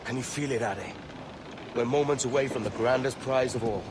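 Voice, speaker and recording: An actor playing a brash, ambitious younger pirate captain in a video game, with a blunt, roguish manner. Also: male voice, medium pitch, brisk, background noise, natural voice. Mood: eager. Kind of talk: cinematic video game acting. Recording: music behind game dialogue.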